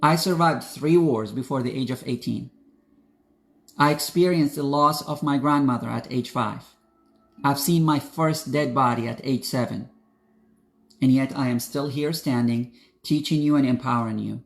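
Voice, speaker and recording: A young adult man from Iraq who works as a spiritual coach gives a motivational talk straight to camera, calling his viewers "guys." His medium-pitched, creaky voice moves at a moderate pace, and his manner is earnest, direct and preachy.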